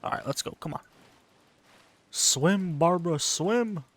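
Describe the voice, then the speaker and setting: A man plays through a game and commentates it himself, muttering casual, slangy reactions under his breath. His voice is fairly high and his pace unhurried.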